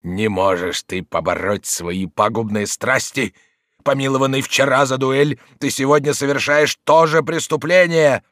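A man's voice: medium pitch, measured pace, a bit bright, no echo, clean studio sound, close to an everyday voice. A man voicing a stern, commanding old nobleman who pleads with his hot-headed son in an audiobook. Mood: reproachful. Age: older. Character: stern old nobleman, grieving authoritative father.

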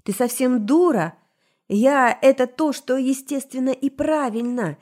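A woman's voice: high-pitched, unhurried, darkish tone, voice pushed up. A woman voicing the fierce, scornful succubus side of a young woman, speaking in clipped, mocking bursts.

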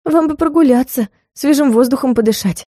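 A woman voicing a timid, kind young female assistant in an audiobook, babbling softly. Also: fairly quick, no room sound, studio quality. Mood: sympathetic. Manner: high, soft, sympathetic babbling.

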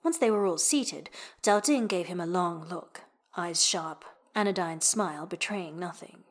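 A woman reading a novel aloud as the narrator, in steady storytelling narration that drops low and hushed at phrase ends. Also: unhurried. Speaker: audiobook narrator. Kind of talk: scripted narration.

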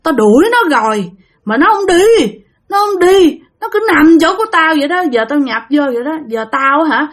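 A woman's voice: sits high, expressive, normal speed, voice pushed up. A woman voicing a fierce, growling old female spirit who has possessed someone and makes harsh, repeated demands. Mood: demanding. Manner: demanding, threatening, repetitive.

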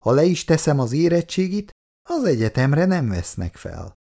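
This is an anxious teenage schoolgirl from a storybook, speaking high and shaky as she fights back tears, voiced by a man reading aloud. Her pleading rises and falls widely, and a dark, gravelly texture stays in the sound. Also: very animated, heavily acted. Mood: tearful. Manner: trembling, tearful pleading.

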